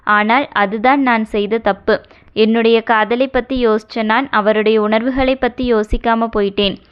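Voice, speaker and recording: A woman's voice: fairly high pitch, fairly even intonation, measured pace, clean tone, close to an everyday voice. A woman voicing a young wife who is anxious, tearful and blames herself, read in an audio novel. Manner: pleading, guilt-ridden. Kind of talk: audio novel character reading. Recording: dull lo-fi recording.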